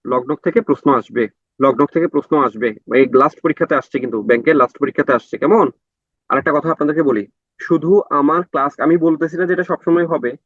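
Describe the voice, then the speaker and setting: A man's voice: fairly high pitch, dry recording. Man teaching grammar, dull dry audio. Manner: repetitive, asks checking questions. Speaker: exam prep teacher. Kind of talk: lecture to an online class.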